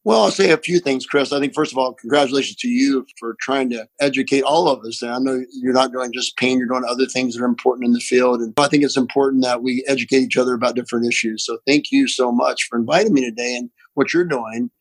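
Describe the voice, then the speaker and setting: A man's voice: mid-range voice, fairly even intonation, fast talker, hardly any pauses, slightly rough, no echo, low-quality recording. A middle-aged man with an Appalachian accent, a doctor answering interview questions conversationally. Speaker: pain physician, interview guest.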